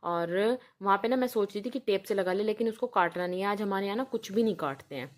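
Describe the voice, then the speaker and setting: A woman's voice: mid-range voice, quick pace. A young woman with an Uttar Pradesh Hindi accent, chatting casually to her viewers at home in a festival vlog. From Uttar Pradesh, India. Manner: chatty, addresses viewers directly as guys. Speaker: vlogger.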